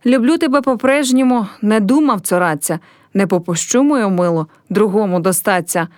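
A woman's voice: mid-range voice, moderate pace, darkish tone, no room sound, clean studio sound, close to an everyday voice. A woman reading a play aloud and voicing an earnest, troubled poor young man in love.

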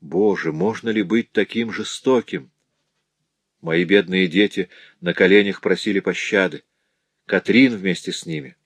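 A man's voice: deep voice, a little slow, slightly rough, no echo. A man voicing a poor, grieving woman who tells of her husband's cruelty in a sorrowful, pleading way.

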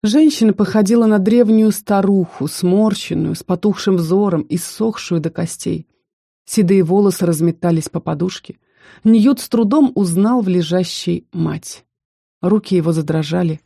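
An audiobook narrator reading a fantasy novel in an even, measured way. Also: mid-range voice, vocal fry, dry recording, studio quality. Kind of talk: scripted narration.

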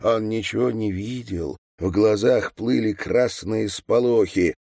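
A man narrating a story as an audiobook reader, in a measured storytelling manner. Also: lowish voice, gravelly, warm tone, dry recording, studio quality. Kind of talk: audiobook reading.

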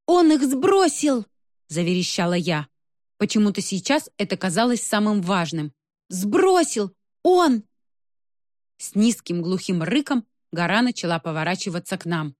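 Woman narrating an audiobook, low and dry. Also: no room sound. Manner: lively expressive storytelling. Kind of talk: first-person audiobook narration.

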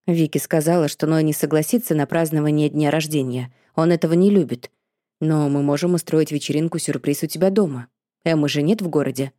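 A sarcastic, laid-back young man, as a female narrator plays him, with his voice dropped lower and delivered with quick, offhand dryness. The tone is dark and mellow, recorded close and dry. This is storybook dialogue. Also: fairly even intonation, no echo, lightly acted. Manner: dry, teasing, unhurried.

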